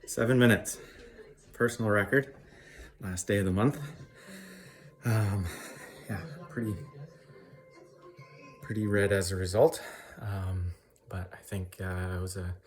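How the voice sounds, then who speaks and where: Male vlogger with a low voice, casual and hesitant, shivering just out of ice cold water. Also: fairly even intonation, soft background music. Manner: hesitant, halting explanations. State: shivering and chilled after an ice cold bath. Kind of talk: casual vlog talk.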